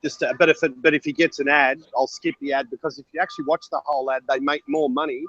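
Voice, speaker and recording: A man's voice: on the high side, expressive, fast talker, vocal fry, fairly bright tone. An Australian man, a yowie researcher, chatting bluntly and swearing freely while telling stories from an airport lounge. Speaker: yowie researcher and group admin. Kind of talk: casual online hangout chat. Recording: lo-fi call audio.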